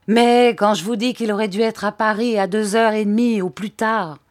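A woman reading aloud who voices an excitable young English male inventor, exclaiming in loud, feverish outbursts. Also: lowish voice, takes it slowly, no echo, studio quality.

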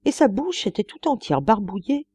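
A woman narrating a classic novel as an audiobook, telling it in an expressive first-person way. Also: medium pitch, moderate pace, husky, no echo. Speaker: audiobook reader.

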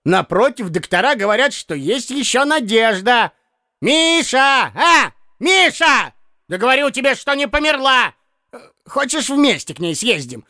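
A man's voice: extremely high pitch, big pitch swings, a little slow, fairly bright tone, no echo, clean studio sound, pitched above the performer's own voice, exaggerated voice. A man reading an audiobook and voicing a fussy, blundering old man who stammers and corrects himself. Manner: stammering, self-correcting, cackling.

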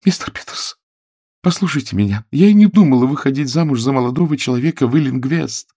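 A man's voice: lively intonation, quick pace, dark tone, husky. Flustered young woman, as a man puts her on. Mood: pleading. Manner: high, strained falsetto.

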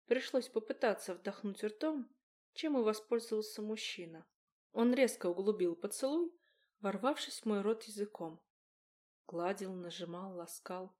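A woman's voice: mid-range voice, animated, measured pace, a little mellow. A woman narrating a romance audiobook in the first person, in an intimate, confiding storytelling voice.

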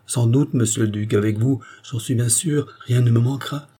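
Male reader voicing a timid, fretful young hairdresser; dark, husky tone. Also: medium pitch, moderate pace, natural voice. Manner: anxious, stammering.

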